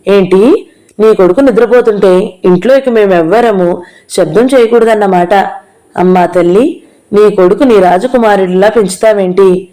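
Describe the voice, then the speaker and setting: A loud, bossy village matron who teases and grumbles about money, as a woman reading a novel puts her on. The voice is mellow and dark in tone, with an even, middling pitch. She scolds freely and sounds set in her ways. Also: normal speed, natural voice. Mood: scolding. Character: loud teasing middle-aged village woman, thrifty mother.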